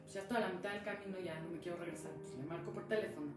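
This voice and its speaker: A woman's voice: fairly low pitch, very fast. A woman telling a personal story casually on a live stream, acting out the dialogue as she goes. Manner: chatty, acts out dialogue in the story. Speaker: speaker sharing a personal experience. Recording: echoey room with music behind.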